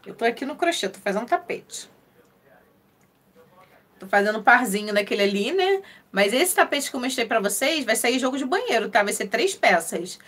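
A woman's voice: a little high, animated, normal speed, fairly bright tone, breathy edge. Chatty Carioca woman hosting a crochet live. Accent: Carioca (Rio de Janeiro) Portuguese. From Rio de Janeiro, Brazil. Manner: chatty and friendly, greets viewers by name, laughs often. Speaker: crochet live-stream host. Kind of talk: casual live-stream chat reading viewer comments.

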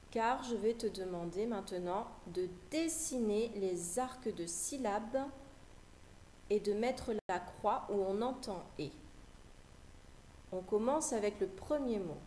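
A woman teaching a phonics lesson to young children, repeating each word slowly and articulating carefully. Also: mid-range voice, a little mellow, a little hiss or hum. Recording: echoey room with faint ambience.

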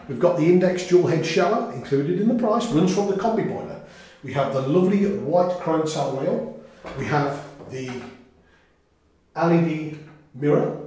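A man's voice: fairly high pitch, mellow, very echoey, far from the mic, low-quality recording. A middle-aged man from England showing off a finished bathroom, enthusiastically listing what was included, recorded on a 360 camera in a small tiled room. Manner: enthusiastic, lists items quickly, points things out. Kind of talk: casual sales walkthrough.

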